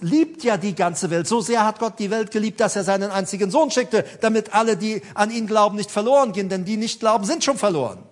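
High-voiced man preaching conversationally. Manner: conversational preaching, addresses listeners directly, rising emphasis. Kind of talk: sermon.

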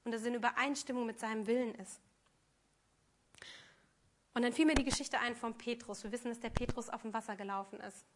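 A woman's voice: on the high side, steady tone, a little fast, pauses often, a little hiss or hum. A woman preaching a sermon, earnest and emphatic, speaking directly to her congregation.

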